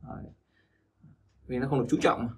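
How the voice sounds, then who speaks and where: A man's voice: mid-range voice, fairly even intonation, normal speed, a bit bright. A man teaching Chinese pronunciation, repeating words after a recording and explaining them. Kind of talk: pronunciation lesson.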